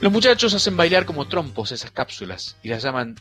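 A man narrating a children's fable in an expressive, dramatic storybook reading. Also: a little high, a little fast. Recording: faint music behind.

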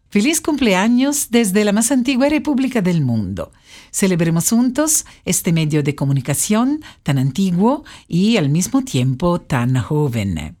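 A woman radio announcer and native Italian speaker, giving a scripted greeting in accented Spanish with expressive, dramatic phrasing. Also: on the low side.

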